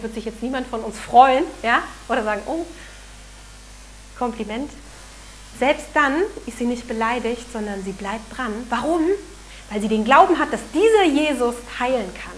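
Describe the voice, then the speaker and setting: A woman preaching a sermon in an earnest, animated way, sometimes acting out the voices she quotes. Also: fairly high pitch, moderate pace, slight background noise, rough recording.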